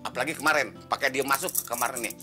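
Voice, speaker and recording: A man's voice: mid-range voice, very fast, sharp tone. A man with a Betawi accent in a soap opera, talking bluntly and scolding in colloquial speech. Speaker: Jungkat, village man hosting a foreigner. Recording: music bed behind.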